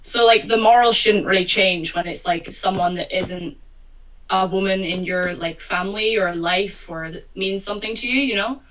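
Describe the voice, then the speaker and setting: Guest, woman, bright voice heard from a distance on a call, rambling with many fillers. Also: medium pitch, moderate pace. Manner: rambling, lots of fillers and repeated words. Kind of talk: casual conversation.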